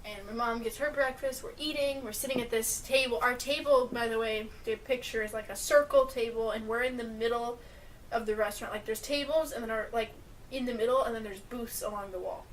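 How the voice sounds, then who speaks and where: A woman's voice: fairly high pitch, brisk, far from the mic, slight background noise, rough recording. A young woman co-hosting a casual podcast, telling family stories with lots of laughter. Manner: animated storyteller, laughs often. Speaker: podcast co-host. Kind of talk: casual chat.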